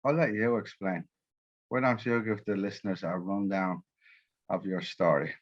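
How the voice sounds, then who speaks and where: A man's voice: low voice, fairly even intonation, moderate pace, highs cut off. A man hosting a podcast interview, upbeat and friendly, laughing easily with his guest. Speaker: podcast host.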